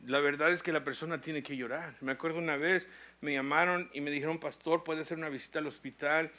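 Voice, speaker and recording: Pastor preaching, man with a bright, pressing voice pitched a bit high; builds to fervent emphasis. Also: fairly even intonation. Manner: preaching with rising intensity and slow emphatic phrases. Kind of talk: sermon.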